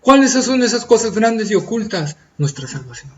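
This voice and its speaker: A man with a Latin American Spanish accent preaching a sermon, swinging from loud pleading cries to soft hushed tones and acting out the pleas of the faithful. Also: sits high, sing-song, normal speed, highs cut off. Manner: acts out pleading voices of the faithful.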